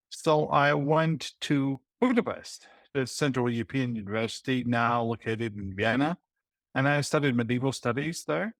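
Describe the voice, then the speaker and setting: Latvian man, measured and halting. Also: mid-range voice, dry recording. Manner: thoughtful, halting with fillers and restarts. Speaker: guest historian. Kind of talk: interview answers.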